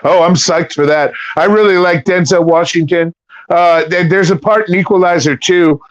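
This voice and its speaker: Male guest, slightly high voice, stumbles over words, dry muffled lo-fi sound. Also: steady tone, no room sound. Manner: stammering, quick to laugh. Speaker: livestream guest. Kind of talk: casual chat. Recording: dry, dull lo-fi audio.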